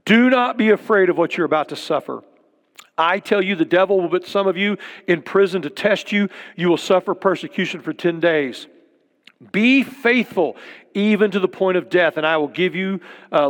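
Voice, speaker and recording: A man's voice: high voice, moderate pace, a bit bright. A middle-aged man preaching a sermon as a pastor, earnest and emphatic, repeating key points. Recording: long hall reverb.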